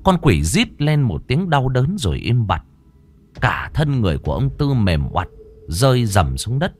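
A man's voice: mid-range voice, big pitch swings, normal speed. A man narrating a ghost story with dramatic, suspenseful delivery.

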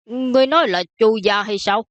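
A woman voicing a vain, plump older prince who grumbles in a slow, huffy way. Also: fairly high pitch, no echo, dull audio, close to an everyday voice. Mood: grumpy.

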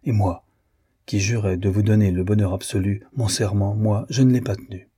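A man's voice: lowish voice, steady tone, normal speed, warm tone, breathy edge. A male reader voicing a proud, remorseful husband who speaks in a firm, cold, sorrowful tone in an audiobook. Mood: grave remorse. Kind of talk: audiobook reading.

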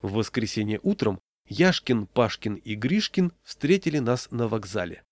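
Man reading humorous story, deadpan, medium pitch, dry close mic. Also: moderate pace, no echo. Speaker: reader.

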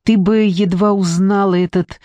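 A man's voice: sits high, steady tone, moderate pace, mellow, no room sound, natural voice. A man reading an audiobook, voicing a spiteful young female nymph sorceress with hissing, sneering taunts. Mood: venomous.

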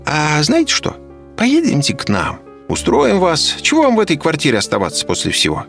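An authoritative professor with a brisk, dry way of talking, as a male narrator puts him on. The voice sits higher than the reader's own, and his lines jump about with lively intonation. Faint music plays under the audiobook. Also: gravelly, heavily acted. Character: stern commanding middle-aged male professor.

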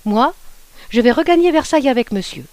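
A woman voicing a sharp-tongued young wife who scolds her husband with scorn. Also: mid-range voice, moderate pace, no echo, lightly acted. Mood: furious.

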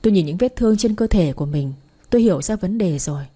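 A woman's voice: medium pitch, expressive, fast, dark tone, breathy edge. A woman narrating a dramatic story in the first and third person, voicing all the characters herself.

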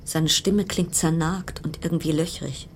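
Speaking low, with fairly even intonation and a measured pace, an actress performs against slight background noise. Her radio-drama role is a weary passenger marooned on a cruise ship struck by plague, wry and anxious, who confides her story uneasily in literary sentences that break off.

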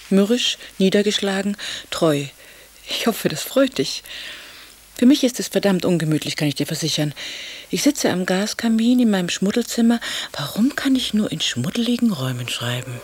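A woman's voice: mid-range voice, animated, normal speed, slight background noise, lightly acted. A woman playing a wry, wistful woman novelist. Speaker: letter-writing novelist. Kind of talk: radio drama reading of letters. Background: music.

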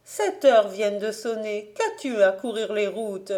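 A woman's voice: medium pitch, a little slow, warm tone, natural voice. Woman doing a fussing old aunt. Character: fussing elderly spinster aunt.

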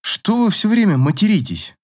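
A man voicing a shy young woman who sniffles and apologizes, raised in pitch. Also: very animated, moderate pace, darkish tone. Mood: indignant.

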